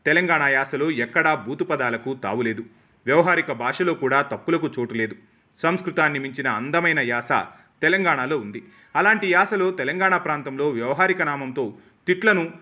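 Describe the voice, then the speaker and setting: Male newsreader, slightly high, bright tone, formal measured script read. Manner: formal, measured delivery in short declarative sentences. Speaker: news narrator. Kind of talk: scripted news commentary.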